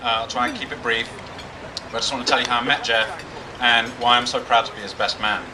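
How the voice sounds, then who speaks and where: A man's voice: medium pitch, flat delivery, fast. A man giving a jokey wedding toast speech as best man, with dry, self-deprecating humor. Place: wedding reception with guests. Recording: distant mic in noisy crowded room. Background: crowd noise and guests.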